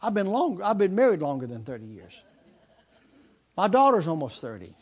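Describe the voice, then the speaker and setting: A man in his fifties preaching a sermon, driving points home with repeated lines and quick restarts. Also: sits high, sing-song, darkish tone, husky. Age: 50s. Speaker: pastor.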